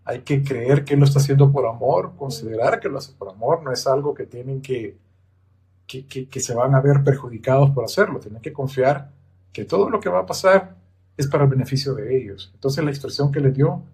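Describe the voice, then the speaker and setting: A man's voice: medium pitch, fairly quick, darkish tone, breathy edge. A man on a Bible study podcast, explaining scripture in a patient, methodical teaching tone.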